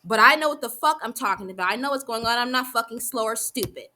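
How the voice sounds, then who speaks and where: Agitated, swearing young woman with a bright voice. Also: on the high side, animated. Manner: heated and profane, rapid run-on talk with restarts. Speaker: vlogger. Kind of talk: angry venting monologue.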